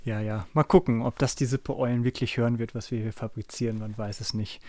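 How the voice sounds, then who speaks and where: A man reading a children's story aloud in a calm, steady way, then chatting as podcast host. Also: medium pitch, fairly quick.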